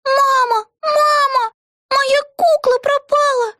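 Плаксивая малышка, тонкий писклявый голосок, запись сухая. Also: female voice, fairly even intonation, slow pace, bright, forceful tone, no echo, studio quality, heavily acted. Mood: wailing. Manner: shrill, wailing. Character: little girl, whiny and tearful.

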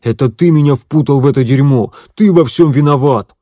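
A man voicing an angry, crude male accomplice who curses and shouts accusations. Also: medium pitch, normal speed, dry recording, studio quality, close to an everyday voice. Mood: furious. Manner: loud, cursing, accusing.

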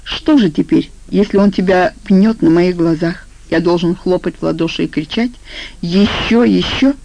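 A woman's voice: lowish voice, normal speed, gravelly, dark tone, rough recording. A woman voicing a hardened middle-aged man who talks in blunt, sardonic banter. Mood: mocking.

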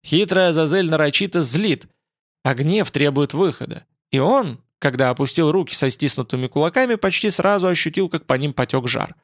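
A male audiobook narrator giving an expressive, lively reading. His voice sits a little high, recorded dry and close with no room echo. The telling keeps an even storybook flow. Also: a little fast.

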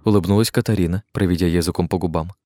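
A man narrating an audiobook in a steady, measured way. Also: low-pitched, no room sound, clean studio sound.

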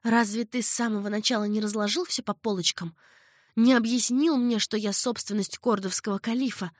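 A woman's voice: on the high side, steady tone, brisk, dry recording, studio quality, natural voice. A woman voicing a timid but proud young slave girl in a romance, speaking in an anxious, pleading way. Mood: cold.

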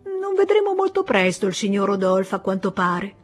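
A cheerful, talkative middle-aged country husband, voiced by a woman reading aloud in an audiobook. His voice rises high when he calls out, and it carries a slightly husky edge. Soft music plays faintly underneath. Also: big pitch swings, moderate pace. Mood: chatty. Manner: chatty, calling out loudly.

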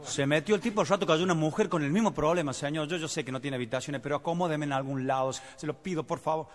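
A man's voice: on the high side, quick pace. A man with an Argentine Spanish accent telling jokes, acting out the characters in funny voices and laughing along with them. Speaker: comedian. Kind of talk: stand-up joke telling. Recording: audience noise behind the voice. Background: crowd.

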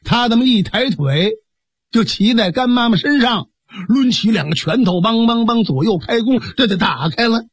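Animated husky storyteller man. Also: extremely high pitch, normal speed, no room sound, clean studio sound. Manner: animated, colloquial. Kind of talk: traditional storytelling broadcast.

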